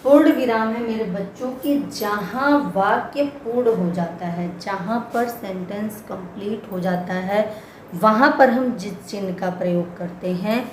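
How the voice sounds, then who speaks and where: A woman's voice: medium pitch, a little slow. A woman teaching a grammar lesson for children, patiently repeating example words one at a time. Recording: echoey room with faint background noise.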